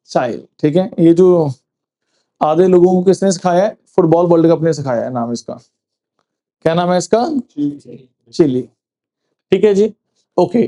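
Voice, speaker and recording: A male teacher quizzing a class for exams, repeating answers and slowing down to read English facts. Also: sits high, warm tone. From Punjab, India. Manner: quizzing, asks then answers with "sir", slows for reading English facts. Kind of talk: classroom exam-prep lecture.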